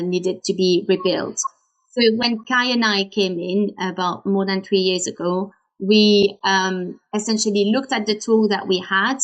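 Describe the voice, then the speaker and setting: A Belgian woman whose native language is French speaks English with a French accent in a medium-pitched voice, and the recording is rough. As an optimization lead appearing as a guest on a webinar call, she explains her work carefully.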